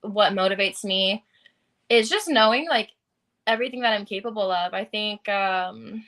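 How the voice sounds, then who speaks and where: A woman's voice: mid-range voice, moderate pace, fairly bright tone. A young adult woman fighter answering interview questions in an earnest, casual way, with frequent fillers.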